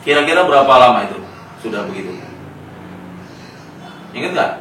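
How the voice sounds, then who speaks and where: A man's voice: medium pitch, animated, a little fast. Man coaching a patient in an echoey room. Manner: gentle coaching, then plain explanation to parents. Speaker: therapist at a clinic. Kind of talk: clinical consultation with a patient and family. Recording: echoey room, mic at a distance, faint noise.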